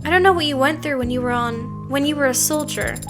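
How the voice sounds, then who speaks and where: Style: reading game dialogue aloud. Figure: a woman voicing an earnest, gentle young woman with a high voice. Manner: soft, sincere. Music: faint. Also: fairly quick, lightly acted.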